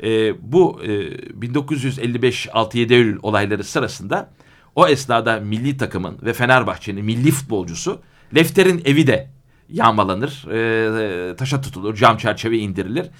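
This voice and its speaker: A man who is a guest in a radio studio lays out historical events at a slow, deliberate pace. He pauses often and fills the gaps with hesitation sounds, and his voice sits at an ordinary pitch. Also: expressive, fairly bright tone. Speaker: studio guest, legal scholar. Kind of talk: radio interview, explaining history.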